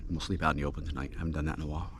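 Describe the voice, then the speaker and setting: A man casually narrating his camping vlog outdoors at night in an informal, halting, unhurried way. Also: rumbling low, steady tone. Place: outdoors at night in cold, snowy woods. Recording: noisy outdoor recording with rustling.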